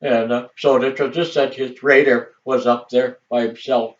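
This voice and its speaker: An older man, a grandfather, telling family history in halting oral storytelling, restarting and repeating words as he goes. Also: medium pitch, steady tone. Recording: distant, dull lo-fi home recording.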